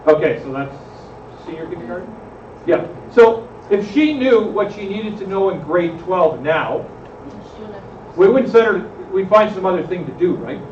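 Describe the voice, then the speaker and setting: A man's voice: high voice, lively intonation, normal speed. A man leading a church group discussion, often asking the room questions and adding "right?". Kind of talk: conversational Bible study discussion. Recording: roomy, distant, slightly muffled with faint noise.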